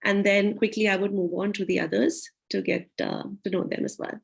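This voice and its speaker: A woman's voice: medium pitch, flat delivery, fairly quick, creaky, breathy edge. Woman hosting a virtual talk show. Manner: welcoming, with frequent fillers. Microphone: video call.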